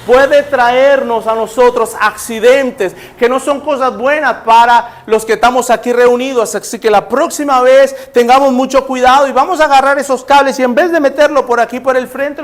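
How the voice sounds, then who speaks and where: A preacher doing a formal church brother. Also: male voice, extremely high pitch, fairly even intonation. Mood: earnest. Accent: Nicaraguan Spanish. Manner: formal, deliberate, slow. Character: orderly church brother making an announcement.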